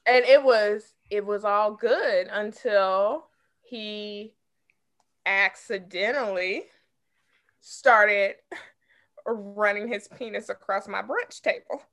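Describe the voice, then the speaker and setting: A woman's voice: medium pitch, takes it slowly, fairly bright tone. A woman who is a podcast guest, frankly telling a personal story in casual chat.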